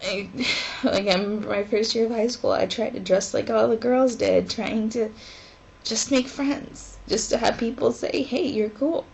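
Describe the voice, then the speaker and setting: A woman in her twenties talking haltingly and emotionally in a personal vlog from her dorm room, with pauses and sighs. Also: on the high side, creaky, a little mellow, low-quality recording. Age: 20s. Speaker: vlogger.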